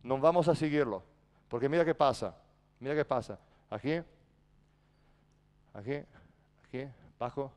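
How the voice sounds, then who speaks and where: A man's voice: mid-range voice, a little slow, long pauses, darkish tone, clean tone. A man coaching a basketball practice in a large indoor gym, barking short commands and then explaining patiently. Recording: echoey gym reverb.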